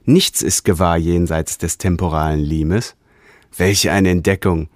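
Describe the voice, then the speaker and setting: A man voicing an excited young alien scout on his first mission, in a noticeably higher, brighter voice. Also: a little slow, no echo, studio quality. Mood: eager. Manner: excited, wondering.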